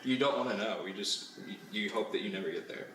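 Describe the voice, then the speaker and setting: A man's voice: lowish voice, fast talker. A young man hosting a casual food taste test, rambling with many fillers and laughing often as he chats. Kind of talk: casual chat. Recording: echoey, distant, noisy room.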